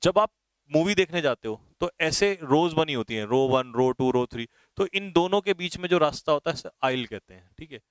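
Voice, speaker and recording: Indian guy teaching english words for an exam, smooth clear voice, super dry sound, keeps asking everyone got it. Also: fairly high pitch, lively intonation, moderate pace, no echo. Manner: addresses students fondly, checks understanding often. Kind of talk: exam vocabulary lesson in Hindi.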